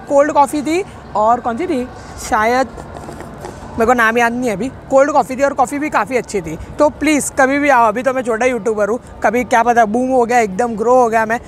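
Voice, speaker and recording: A young man's extremely high-pitched voice carries over faint background noise as he vlogs from a cafe with a handheld camera. His talk is loose and rambling, full of jokes and self-corrections.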